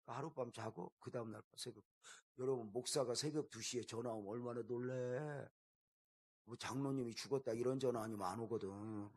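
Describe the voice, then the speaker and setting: A middle-aged man preaching a revival sermon as pastor, telling stories and swinging between loud bursts and hushed quoted lines. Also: mid-range voice, brisk.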